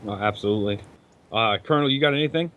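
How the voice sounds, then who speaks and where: A man's voice: on the low side, fast, fairly bright tone, slight background noise. A man hosting a casual gaming podcast, joking easily with his guests. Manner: joking, easygoing. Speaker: host.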